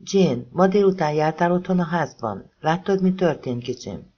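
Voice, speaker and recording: A woman's voice: lowish voice, expressive, pitched above the performer's own voice. A man reading a determined, lonely woman with a firm, insistent manner, in a slightly dull audiobook recording. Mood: soothing. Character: determined, lonely woman ready to sacrifice herself.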